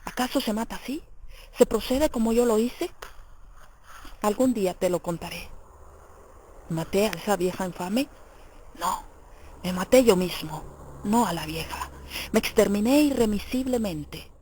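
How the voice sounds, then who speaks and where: A woman's voice: mid-range voice, expressive, unhurried, long pauses, darkish tone, a little hiss or hum, lightly acted. A woman reading the part of a tormented young male murderer in an audiobook, in a brooding, intense, questioning manner. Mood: anguished.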